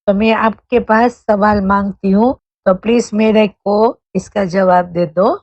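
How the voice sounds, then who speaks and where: A woman's voice: mid-range voice, steady tone, darkish tone, dry recording. A woman calling in to a religious show, asking her question in a plain, earnest way. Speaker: caller. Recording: dull, dry phone-line call.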